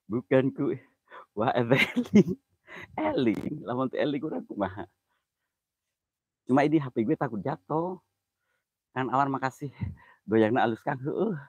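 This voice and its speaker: A man's voice: medium pitch, animated, moderate pace, long pauses, darkish tone, husky, no room sound. A young man, hosting a comedy ghost-hunting livestream by an old well, joking, laughing and greeting viewers on his phone. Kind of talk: casual joking livestream chat. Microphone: phone camera.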